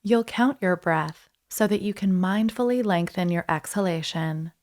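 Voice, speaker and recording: A woman guides a breathing meditation, soothing and unhurried, leaving pauses between short instructions. Her voice is lowish with a darkish tone.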